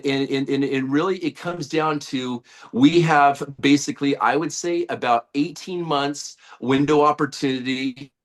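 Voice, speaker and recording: A man giving a rambling sales pitch on a group video call, full of fillers, restarts and hype. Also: a bit bright. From United States. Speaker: guest, network-marketing leader.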